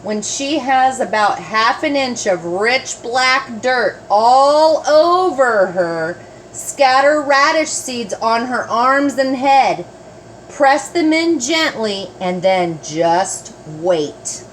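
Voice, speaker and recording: An older woman voicing a matter-of-fact storybook woman who gives cures calmly and deliberately, in a grandmotherly way. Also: a little high, slight background noise, low-quality recording. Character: matter-of-fact female advice-giver with odd cures.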